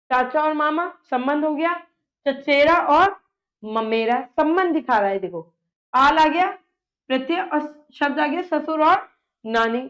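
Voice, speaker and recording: A woman's voice: high voice, dull audio. A woman teaching a grammar lesson, patiently spelling out word endings syllable by syllable and asking her class questions she then answers herself. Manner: slow, patient, repeats syllables and asks rhetorical questions.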